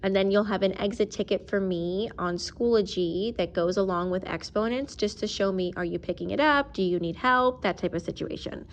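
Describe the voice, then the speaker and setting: Female teacher, mid-pitched, patient, step-by-step math lesson voice, occasionally slows down while writing. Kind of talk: recorded math video lesson.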